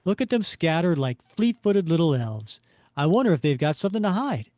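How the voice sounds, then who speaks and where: A man's voice: fairly high pitch, very animated, brisk, darkish tone, no echo, clean studio sound, pitched above the performer's own voice. A man voicing a wisecracking young male superhero, with a sardonic, joking inner monologue.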